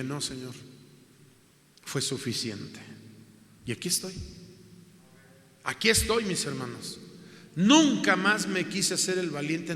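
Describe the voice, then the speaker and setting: A man preaches an emotional testimony, his voice high and bright. He keeps calling the congregation his brothers. The sound rings with the long reverb of a church hall. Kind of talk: sermon testimony.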